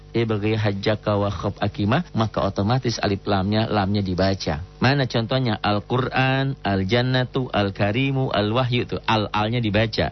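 A man teaching the rules of Quran recitation in a patient lesson, stopping to chant examples slowly and melodically. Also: fairly low pitch, dull audio, slight background noise. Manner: explains rules patiently, breaks into slow melodic recitation of Arabic.

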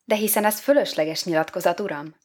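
Woman reading sweet playful young eve, gentle coaxing voice, slightly low. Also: natural voice.

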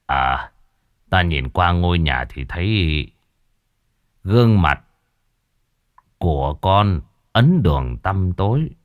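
A man voicing a stern, grave older exorcist in a ghost story, speaking slowly and quietly. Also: low-pitched, very animated, dry recording, lo-fi sound, full character voice. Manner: slow, grave, measured.

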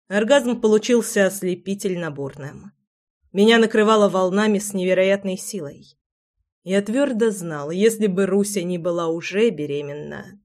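A woman narrating an audiobook in a soft, intimate, unhurried way. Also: medium pitch.

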